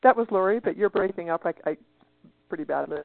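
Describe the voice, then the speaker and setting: A woman in a conference call speaking in quick, clipped remarks while her connection keeps breaking up. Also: medium pitch, gravelly, a little hiss or hum. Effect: call participant with a breaking-up connection. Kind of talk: casual discussion. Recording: thin phone-like call audio.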